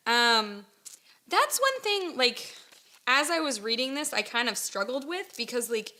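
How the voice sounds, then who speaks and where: A young woman co-hosting a casual comics chat, animated and giggly, often trailing off mid-thought. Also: a little high, a little slow. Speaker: podcast co-host.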